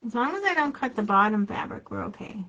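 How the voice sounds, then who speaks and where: A woman's voice: on the high side, very animated, fast, sharp tone, dull audio. A woman hosting a live sewing demonstration, chatting casually to herself and viewers as she works. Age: adult with a child. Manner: chatty, talks to herself while working. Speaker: quilting shop host.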